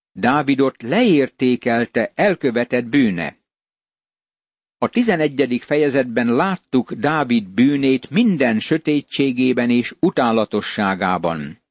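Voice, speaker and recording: A man's voice: medium pitch, expressive, no room sound, lo-fi sound. A man giving an earnest radio Bible sermon, speaking straight to the listener as a friend. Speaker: Bible teacher.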